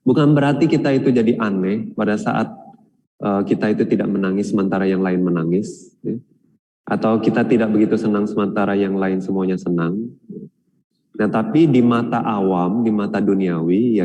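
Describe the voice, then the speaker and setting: A low-voiced monk gives a calm dharma talk, his tone mellow and dark. He retells a story with many pauses and fillers. The sound carries a long reverb from a large hall. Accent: Indonesian. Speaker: Buddhist monk answering questions.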